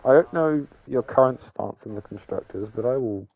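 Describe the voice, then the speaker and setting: A man's voice: medium pitch, moderate pace, creaky, lo-fi sound, slight background noise. A man hosting a sim racing league stream, reading results and chatting with drivers in a loose, filler-heavy way. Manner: filler-heavy, rambling, frequent "I mean". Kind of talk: casual post-race interview.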